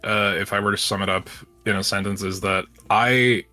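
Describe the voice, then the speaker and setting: A man's voice: on the low side, steady tone, moderate pace, pushed and bright. A man co-hosting a podcast, chatting casually about video games in a wry, blunt and sometimes profane way. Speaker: podcast co-host.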